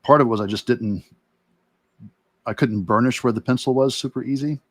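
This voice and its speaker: A man at medium pitch talks fairly quickly, recorded dry. He is an illustrator giving a relaxed how-to demonstration, musing aloud in broken asides as he draws.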